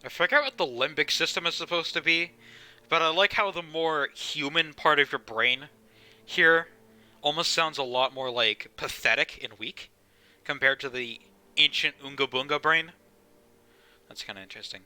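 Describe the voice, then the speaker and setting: A man's voice: fairly high pitch, normal speed, bright, forceful tone, smooth. A young man streaming a game live, chatting casually and rambling, with the odd swear. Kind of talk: casual live gameplay commentary.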